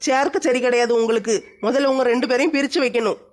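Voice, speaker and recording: A woman's voice: high-pitched, quick pace, lightly acted. A woman playing a cheeky, stubborn young daughter-in-law. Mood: defiant. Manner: cheeky, pleading, teasing.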